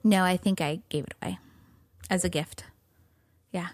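A woman's voice: fairly low pitch, steady tone, normal speed, no echo, studio quality. A woman chatting casually as a podcast co-host in a bubbly, gushing way, peppering her talk with "like" and repeating words for emphasis. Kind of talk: casual chat.

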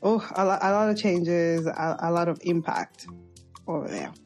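Low-voiced woman host asking questions. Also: moderate pace, darkish tone, faint music behind. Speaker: podcast host. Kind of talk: remote interview conversation.

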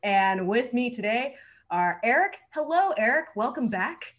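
Woman host on a podcast, cheery welcoming chat, voice a bit on the high side. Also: very animated, measured pace, fairly bright tone. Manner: upbeat, welcoming, laughs often.

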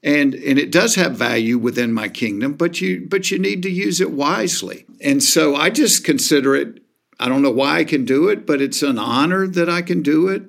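A man's voice: on the high side, lively intonation, moderate pace, creaky, fairly bright tone. A man in casual conversation, reflective and earnest, with a self-deprecating streak. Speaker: comedian guest. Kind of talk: casual chat.

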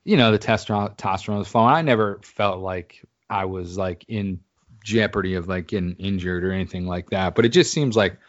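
A man's voice: low-pitched, brisk. A man in casual chat, telling rambling, profane sports stories. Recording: dull lo-fi sound.

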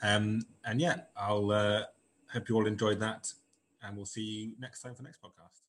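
A man's voice: lowish voice, little pitch movement, normal speed. A man hosting a podcast who chats casually and hesitantly, often repeating himself. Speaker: podcast host. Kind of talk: casual chat.

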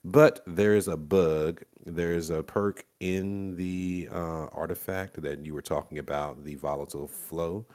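A man in a casual gaming chat, explaining weapons with enthusiastic, drawn-out emphasis. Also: sits low, steady tone, a little mellow.

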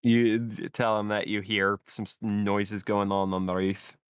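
A man acting as game master, narrating a tabletop game in casual chat and pausing often on fillers. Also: fairly low pitch, level tone, clean tone, dry recording, clean studio sound. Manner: casual, laughing easily, halting with fillers.

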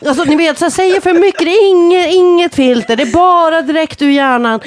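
A woman telling a funny personal story in casual talk. She swears freely, laughs often and acts out what people said with big jumps in pitch.

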